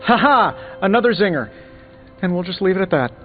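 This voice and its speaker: A man's voice: high voice, lively intonation, fairly quick. A man playing a wisecracking, jittery genius inventor superhero in a video game, with a glib, sarcastic, theatrical delivery. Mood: wry, uneasy. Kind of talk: video game dialogue acting. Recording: tinny band-limited audio, music underneath. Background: background music.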